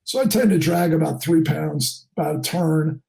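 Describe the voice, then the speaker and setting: A middle-aged charter fishing captain from New Jersey tells a story in a podcast interview and acts out the people in it. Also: male voice, on the high side, moderate pace, vocal fry, dark tone. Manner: acts out quoted people in raised voices.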